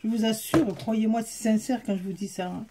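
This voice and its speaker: A woman's voice: on the high side, steady tone, normal speed, background noise. A woman with a Southern French accent, chatting casually to her viewers as she shows off a haul, with frequent fillers. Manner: chatty, filler-heavy, addresses viewers directly. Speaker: haul vlogger. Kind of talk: casual show-and-tell chat.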